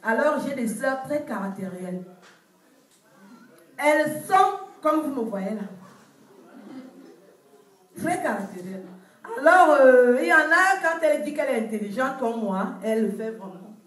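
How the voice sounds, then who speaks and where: A woman from Cameroon with a Cameroonian French accent, telling animated stand-up stories and acting out village characters. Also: high-pitched, unhurried, long pauses. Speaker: stand-up comedian. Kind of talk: stand-up storytelling. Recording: echoey room from far off.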